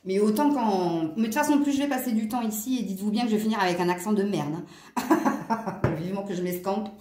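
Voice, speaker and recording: A woman's voice: mid-range voice, fast, warm tone, roomy sound, slight background noise. A woman with a southern French accent giving a casual tarot reading to her viewers, chatty and rambling. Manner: chatty and rambling, with frequent fillers and asides. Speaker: tarot card reader.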